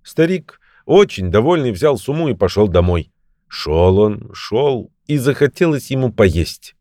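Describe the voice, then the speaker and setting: A man reading a fairy tale aloud in an expressive storytelling way. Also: lowish voice, measured pace, no room sound, clean studio sound.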